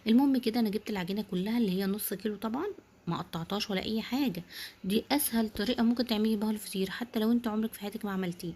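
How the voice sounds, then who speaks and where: A woman with an Egyptian Arabic accent hosting a home cooking video, chatting casually and warmly addressing viewers as sisters while explaining each step. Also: mid-range voice, racing. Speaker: home cooking channel host.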